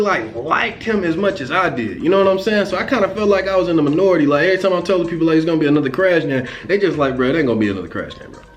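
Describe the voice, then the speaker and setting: Excitable slangy young man, slightly high voice. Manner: excitable, slangy, repeats "bruh" and "you know what I'm saying". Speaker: video game reviewer. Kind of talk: casual game review vlog.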